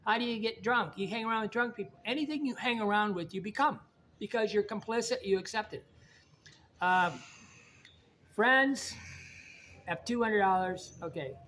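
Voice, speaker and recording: Middle-aged guy from indiana rambling on, high-pitched, blunt, bit of faint noise behind. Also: normal speed, pauses often, pushed and bright. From Indiana, United States. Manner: rambling, repeats himself, folksy and blunt. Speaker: vlogger. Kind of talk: casual monologue to camera.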